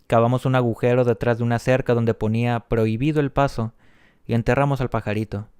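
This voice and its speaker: Guy reading a novel aloud, calm and even, smooth voice, dry close sound. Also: medium pitch, dry recording. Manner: calm, measured reading with light quoted voices. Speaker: audiobook reader. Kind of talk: audiobook narration.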